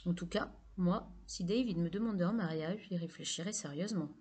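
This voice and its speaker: A woman's voice: lowish voice, a little fast, darkish tone, breathy edge. A woman reading as a wry, teasing teenage girl.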